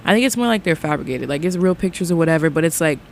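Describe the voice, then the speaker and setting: A woman's voice: deep voice, animated, racing. Slangy woman chatting, faint vehicle noise. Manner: slangy, conversational. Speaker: music reaction commentator. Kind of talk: casual reaction chat.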